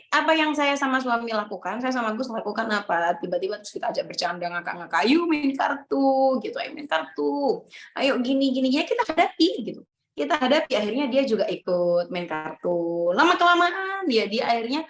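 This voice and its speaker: This is a young woman with a Javanese accent, teaching at a Ramadan religious study. She speaks in a relaxed, storytelling way and mixes Javanese asides into her teaching. Her voice sits at a middle pitch.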